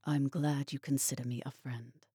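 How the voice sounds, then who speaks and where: A woman doing a kind, courteous young gentleman. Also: extremely low pitch, steady tone, moderate pace, breathy edge, no room sound, studio quality, full character voice. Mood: reassuring.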